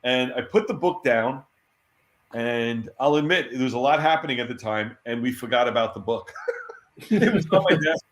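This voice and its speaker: A middle-aged man, a former comics editor, tells lively stories as an interview guest. He laughs often and repeats words when excited. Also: mid-range voice, normal speed. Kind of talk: casual anecdotal storytelling. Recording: roomy echo.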